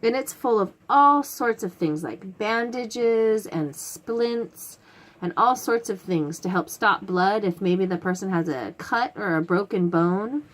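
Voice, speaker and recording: A woman speaks slowly in a medium-pitched voice as she hosts a read-aloud for little ones. She explains the picture book in simple, instructive terms and asks the listener questions.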